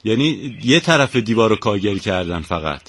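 A man's voice: lowish voice, sing-song, fairly bright tone, breathy edge, dry recording. Polite male radio host. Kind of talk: radio interview.

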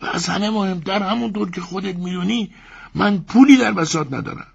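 A man voicing a muffled, high-pitched man trapped inside a crocodile. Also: vocal fry, slightly rough, heavily acted. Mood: composed. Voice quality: muffled, distant voice. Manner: steady, composed, lecturing. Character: calm, pompous man swallowed inside a crocodile.

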